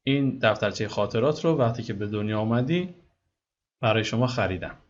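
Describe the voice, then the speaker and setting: A man's voice: fairly low pitch, lightly acted. Tender old mother from a story reading, read by a male teacher, muffled recording. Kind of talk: read-aloud story dialogue.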